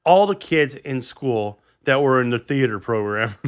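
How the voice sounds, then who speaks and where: A man co-hosting a podcast in casual chat, excitable and swearing, laughing often. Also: medium pitch, a little slow. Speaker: podcast co-host.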